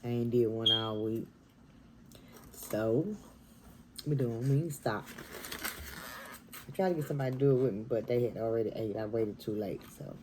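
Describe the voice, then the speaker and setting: A woman, chatting casually while eating on camera in her dining room, talking softly and half-whispering. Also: rumbling low, moderate pace, long pauses, noisy background. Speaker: mukbang vlogger.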